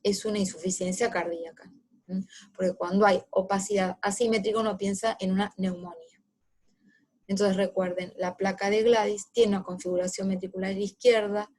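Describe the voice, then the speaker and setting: Woman, medical lecturer, clear explanatory delivery that speaks straight to the students. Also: mid-range voice, warm tone. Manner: explanatory, addresses students directly with reminders. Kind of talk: clinical case lecture.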